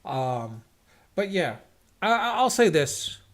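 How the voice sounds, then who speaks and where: At home checking scores on screen, a man hosts a live stream and rants casually about football, restarting often and voicing strong opinions. His voice is fairly high with big pitch swings, and he talks at a slow pace.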